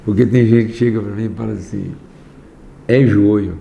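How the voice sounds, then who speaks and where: A man preaching a sermon as a class lesson, slow and emphatic, rising to raised lines and dropping to hushed ones. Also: on the low side, steady tone, vocal fry. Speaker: pastor teaching a class. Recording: echoey room, faint background noise.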